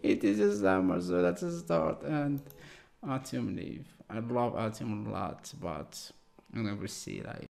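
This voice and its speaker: Slow-talking Algerian man in his thirties. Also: on the low side, vocal fry. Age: 30s. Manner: excitable, broken English, frequent exclamations. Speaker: music reaction YouTuber. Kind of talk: casual reaction vlog. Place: small room with blue backdrop. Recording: loud music playing underneath.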